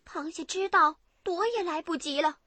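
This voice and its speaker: A woman narrating a bedtime story for children in an expressive, animated way. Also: very high voice, moderate pace, soft background music.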